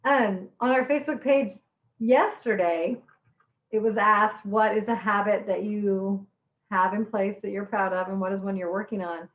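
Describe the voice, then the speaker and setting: Running a live online cooking class, a woman chats away bubbly and cheerful, eyes watering from the onions she's chopping, and laughs at her own jokes. Her voice is medium-pitched and steady at a moderate pace. The audio is narrow and tinny, with an echoey room.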